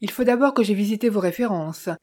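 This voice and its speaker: Audiobook: woman voicing suave genial male clergyman, mellow and gracious. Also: mid-range voice, fast talker, close to an everyday voice. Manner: smiling, gracious tone.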